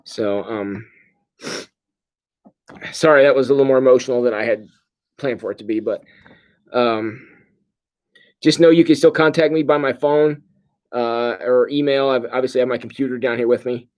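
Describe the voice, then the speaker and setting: A middle-aged man, a pastor, giving a casual livestream update in a sedated, halting, groggy way. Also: mid-range voice, fairly even intonation, dull audio. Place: hospital room.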